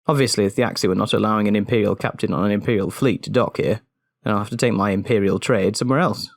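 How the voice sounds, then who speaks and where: A man voicing a proud, guarded male orc trader in an audio story, speaking with measured, pointed emphasis. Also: lowish voice, creaky, no room sound, studio quality.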